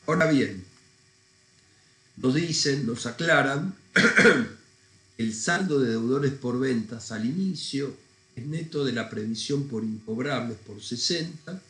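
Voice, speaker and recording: Congested with a cold and frequently clearing his throat, a man explains an accounting lesson step by step in a recorded session. His mid-range voice has a fairly bright tone, and his informal, didactic manner includes thinking aloud, all captured with echoey room sound.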